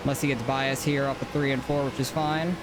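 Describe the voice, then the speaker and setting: This mid-range male voice barely moves in pitch, and he talks fast. He's giving casual, informal live commentary as he drives in a sim racing game, thinking aloud, with the game's car engine audible behind him.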